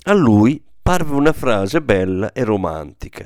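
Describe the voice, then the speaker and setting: Smooth-voiced male audiobook narrator. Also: on the low side, very animated, darkish tone, no echo, studio quality. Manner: measured, literary reading. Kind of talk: scripted narration.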